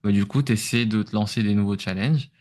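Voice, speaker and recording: An entrepreneur from France, guesting on a podcast, gives informal conversational answers with a French accent, hesitating as he feels his way through sentences. His voice is fairly low and a little mellow, and he speaks a little fast.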